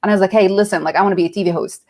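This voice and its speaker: A woman's voice: medium pitch, rapid-fire. A middle-aged woman from Nazareth, a guest telling her career story in a casual interview and acting out quoted voices. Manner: animated, acts out quoted voices.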